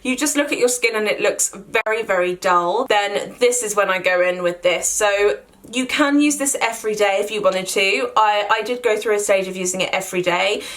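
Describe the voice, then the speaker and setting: With a mid-range, slightly bright voice at normal speed, this twenty-something woman casually reviews skincare for her beauty channel. Chatty and full of fillers like "like", she repeats words to stress them.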